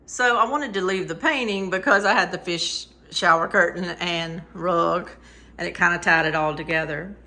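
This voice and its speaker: A woman's voice: fairly low pitch, normal speed, sharp tone, roomy sound. A woman giving a casual, chatty tour in a homey way, with proud, happy enthusiasm. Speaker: vlogger showing her farm store. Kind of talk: casual home tour narration.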